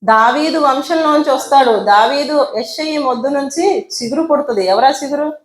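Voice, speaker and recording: A woman's voice: high-pitched, normal speed. A woman evangelist preaching a sermon, asking her listeners many rhetorical questions and acting out the voices in her story. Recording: roomy echo.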